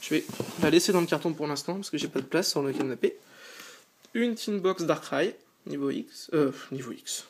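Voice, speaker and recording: A man's voice: on the high side, normal speed, a little hiss or hum. A tired man hosting a casual unboxing vlog from a small sofa indoors, talking eagerly and stopping often to hesitate. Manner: eager, chatty, frequent hesitations. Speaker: channel host.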